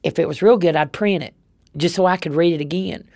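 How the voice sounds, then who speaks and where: A woman from North Carolina with a Southern US accent recounts her own experience in a plain, conversational way. Her voice sits on the lower side and carries a gravelly, creaky edge. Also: brisk, dark tone. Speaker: affected resident telling her story. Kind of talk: personal storytelling.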